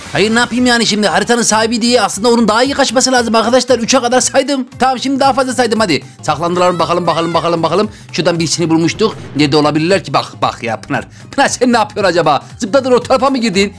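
A man giving loud, excitable, slangy commentary while playing a video game and talking to his viewers. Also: sits high, very fast, few pauses. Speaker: gaming YouTuber. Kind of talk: excited Let's Play commentary. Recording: faint game music behind.

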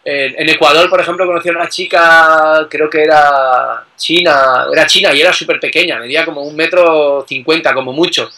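A man talks in a casual, unhurried way. His voice sits a little high and sounds bright. He fills his sentences with small tag questions. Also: poor audio. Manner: relaxed, many fillers and tag questions. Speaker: guest travel blogger. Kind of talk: casual conversation.

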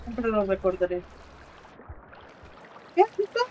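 A man giving casual live commentary while he plays, talking to the game character and to his viewers, swinging between exclamations and low muttering. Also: big pitch swings, takes it slowly, darkish tone, slight background noise. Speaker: streamer.

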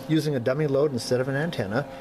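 Talking fast in a medium-pitched voice, a male instructor works through electronics test equipment methodically at his indoor workbench. He clears his throat from time to time, and background noise is audible.

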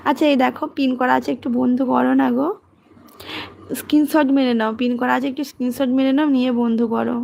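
A woman, hosting a casual livestream, reading comments and talking softly and quietly. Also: vocal fry, dull audio, a little hiss or hum. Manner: soft, low-volume talk, as her daughter is studying. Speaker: livestream host.

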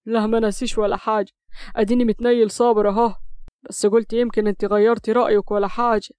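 A woman's voice: fairly high pitch, level tone, quick pace, darkish tone, no echo, natural voice. Woman voicing a teasing Upper Egyptian husband. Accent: Upper Egyptian Arabic. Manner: teasing, mock-cool banter. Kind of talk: audio story reading.

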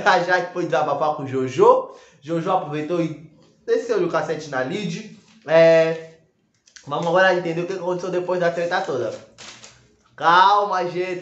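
A man giving an excited, campy gossip recap, switching into put-on voices. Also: a little high. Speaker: gossip vlogger. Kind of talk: excited reality-show recap. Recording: echoey room, slightly dull sound.

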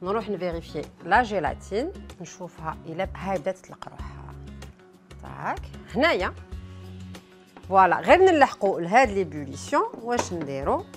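Brief: Algerian woman, cooking show presenter, mid-pitched, fast, talks straight to her viewers. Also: very animated, soft background music. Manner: chatty, talks straight to viewers with frequent asides. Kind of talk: cooking demonstration.

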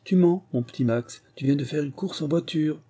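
A man's voice: fairly high pitch, warm tone, slightly rough, pitched above the performer's own voice. A man doing a teasing young woman sleuth. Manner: brisk, teasing, deducing aloud.

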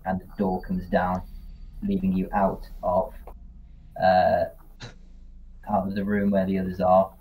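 Low, flat-voiced game master. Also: male voice, a little slow, pauses often. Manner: steady descriptive narration with fillers. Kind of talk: narrating a tabletop game over voice chat. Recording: tinny voice-chat audio, faint noise.

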